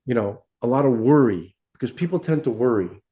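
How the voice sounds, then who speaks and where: On dull-sounding audio, a man with a medium-pitched, dark voice speaks expressively and a little fast. He's a podcast co-host in a laid-back religious discussion, wandering through his views with frequent restarts and tags like "right?" and "okay?"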